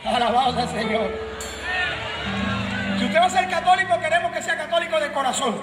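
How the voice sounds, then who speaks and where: A middle-aged man with a Puerto Rican accent preaches in a loud, emphatic shout, his voice pitched very high and cracking with jokes for the congregation. The sound rings around an echoey room, with music playing and a crowd audible behind him. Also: a little fast. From Puerto Rico. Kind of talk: sermon.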